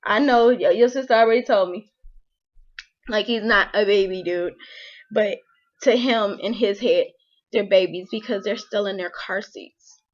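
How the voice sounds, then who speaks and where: Young mom vlogging, heartfelt and kinda emotional, says like a lot, muffled lo-fi audio. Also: female voice, mid-range voice, measured pace. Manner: emotional, heartfelt, frequent "like" fillers. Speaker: vlogger, mother. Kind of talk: casual personal talk to camera.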